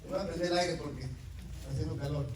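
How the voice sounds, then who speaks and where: Guy preaching in a church, loud then quiet, super echoey hall, mic kinda far off. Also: a little high, steady tone, brisk, a little hiss or hum. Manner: swings from loud emphatic preaching to quiet asides; addresses the congregation directly with questions. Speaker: pastor. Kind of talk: sermon. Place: church sanctuary.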